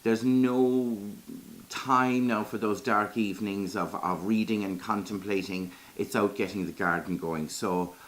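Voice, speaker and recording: A man's voice: fairly low pitch, measured pace. A man with a Kerry Irish accent telling folklore in a lilting, conversational storyteller's way. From Ireland, Iveragh in County Kerry.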